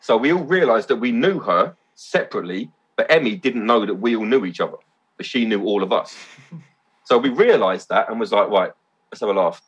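A man telling stories as a podcast guest, excitable and loose, swearing casually. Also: fairly low pitch, fairly quick, husky. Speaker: podcast guest, event organiser. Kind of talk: casual chat.

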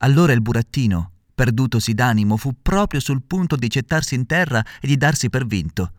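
Expressive male storyteller, dry sound. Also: medium pitch, no room sound. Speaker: narrator. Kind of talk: reading a classic children's story aloud.

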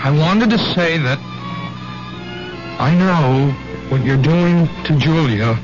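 An actor playing an earnest, lovestruck young piano student in a 1970s radio drama, halting and emphatic. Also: male voice, on the high side. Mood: nervous, defiant. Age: young adult. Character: earnest lovestruck twenty-year-old piano student, pleading and defiant. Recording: dull vintage radio drama recording.

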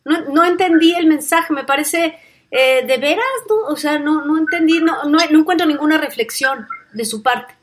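A woman's voice: high-pitched, moderate pace, a little hiss or hum. A woman hosting a casual showbiz gossip chat, blunt and critical, repeating words for emphasis. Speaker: gossip show host.

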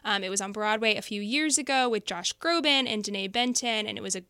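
A woman's voice: mid-range voice, a little fast, sharp tone, smooth, no room sound. A woman co-hosting a local news podcast, talking about events in an enthusiastic, friendly way into a studio microphone. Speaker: co-host, associate editor.

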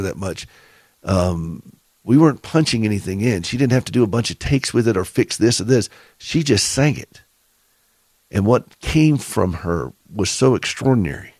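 Southern man, middle-aged, low-pitched, dry close sound, earnest preacherly host. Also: darkish tone, no room sound. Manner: earnest, preacherly, asks the listener direct questions. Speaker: radio show host for caregivers. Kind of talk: faith-based encouraging talk.

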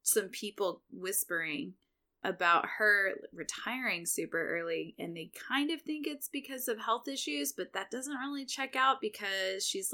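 A woman in casual tabletop role-play chat, speaking in a playful, expressive way as a player. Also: medium pitch. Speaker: player on a tabletop game podcast.

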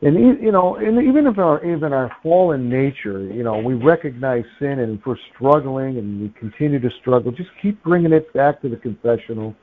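A man hosting a religious talk radio show, preaching fervently with repeated phrases. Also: medium pitch. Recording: tinny phone-line audio.

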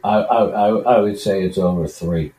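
A man co-hosting a sports betting podcast while sick with a cold, speaking in a monotone. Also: lowish voice, normal speed. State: has a cold. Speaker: podcast co-host. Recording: echoey, distant remote mic.

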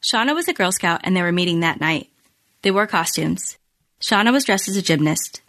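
A woman hosting a podcast, reading scripted true crime narration in measured, storytelling phrases. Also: on the low side, animated, fairly bright tone. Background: music bed.

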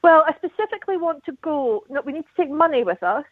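A woman calls in to a radio show, chatting casually and explaining things at rambling length over a tinny, dry phone line. Her voice is high-pitched with lively intonation and a quick pace, with no echo.

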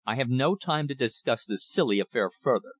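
A man's voice: medium pitch, lively intonation, fairly quick, dry recording, lightly acted. A man voicing a dismissive, haughty wealthy man who brushes off every claim with condescension.

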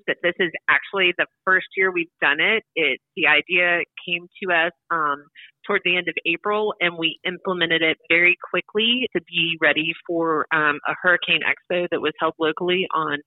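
A woman's voice: fairly low pitch, no echo. A woman calls in to a radio show, and her voice comes through a thin, tinny phone line with no room sound around it. She talks in a chatty, explanatory way, like a guest laying out the details. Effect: heard over the phone. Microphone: telephone.

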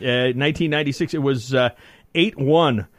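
A man's voice: medium pitch, moderate pace, no echo. A man hosting a morning sports radio show, chatting casually and thinking aloud. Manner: rambling, thinks aloud with fillers.

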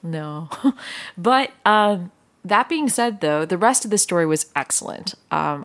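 A woman's voice: on the low side, fairly bright tone. A woman hosting a podcast, casually chatting and musing about a story. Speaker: podcast host. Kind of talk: casual chat discussing a story.

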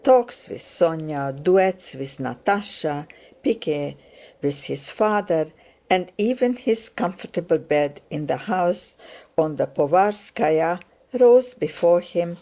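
A woman reads a novel aloud in a low voice. Her pace is slow and measured, giving each phrase room. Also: mellow. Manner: measured, unhurried reading. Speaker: audiobook narrator. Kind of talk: scripted narration.

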